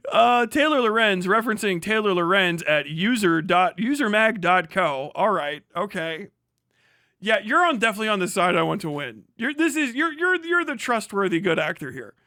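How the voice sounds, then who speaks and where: In clean studio-quality audio with no echo, a livestream host reads an article aloud and riffs on it, mocking and sarcastic, and swearing plenty. His voice sits high and sounds bright and forceful.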